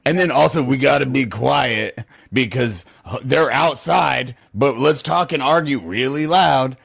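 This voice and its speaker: Gravelly guy griping, sweary. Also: mid-range voice, a little slow, a bit bright, no echo, studio quality. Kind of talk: casual chat.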